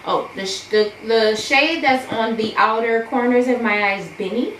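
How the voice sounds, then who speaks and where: A young beauty vlogger with a slightly high, somewhat bright voice chats at a moderate pace while doing her makeup in a casual get-ready-with-me video. She rambles with many fillers and jokes about herself, recorded in an echoey room with background noise.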